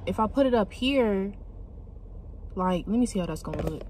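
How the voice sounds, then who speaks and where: A young woman hosting a casual food vlog from inside her car, chatting to viewers in a relaxed, slangy way. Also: mid-range voice, moderate pace, slight background noise. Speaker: vlogger.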